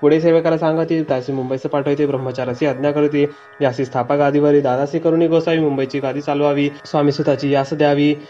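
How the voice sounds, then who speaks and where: A man reading a devotional scripture aloud in a steady, sing-song way, as a recitation. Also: fairly high pitch, fast talker. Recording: dull lo-fi recording with faint music.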